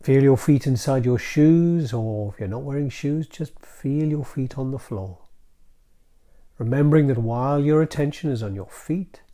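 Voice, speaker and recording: A man guiding a calm grounding exercise in a gentle, soothing manner, leaving deliberate pauses between short phrases. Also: mid-range voice. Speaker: mindfulness practice guide.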